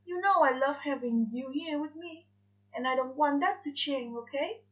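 A woman voicing a fussy, gentle male angel, soft-spoken, pleading and eager. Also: high voice, moderate pace, lightly acted. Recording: dull lo-fi recording.

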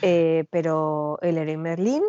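Lively woman chatting, dull dry sound. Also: deep voice, slow, dry recording. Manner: animated storyteller, acts out quoted dialogue. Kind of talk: casual chat. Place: Spain, back from living in France.

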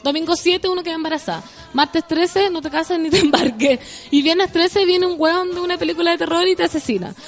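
A woman with a Chilean accent hosting a radio show, chatting loudly and playfully in slang and reading out listener messages. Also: very high voice, fairly quick, soft background music. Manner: loud, playful, slangy, bursts into song.

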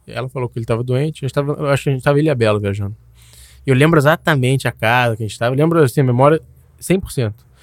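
A man's voice: medium pitch, very fast, no room sound, studio quality. A young man, telling a personal story in a loose, slangy way, full of restarts and tags. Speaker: guest.

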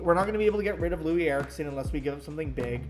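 Chatty man, slightly high voice. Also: expressive, very fast, over music. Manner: chatty, talks in long runs with restarts and fillers. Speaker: podcast co-host. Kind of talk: casual sports podcast chat.

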